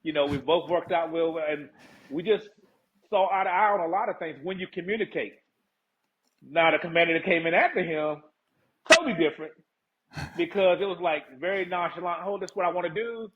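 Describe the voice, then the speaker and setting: A man's voice: fairly high pitch, normal speed, long pauses. Laid-back retired sergeant man, tinny line. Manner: laid-back, laughs often, calls the listener "man". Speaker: retired first sergeant, podcast guest. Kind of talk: casual interview talk.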